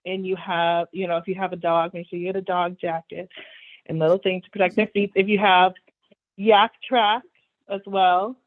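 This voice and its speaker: A woman's voice: fairly low pitch, little pitch movement, normal speed. Woman over a tinny line. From Texas, USA. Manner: candid and laughing, gives frank advice. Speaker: theater apprentice. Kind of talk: casual panel chat.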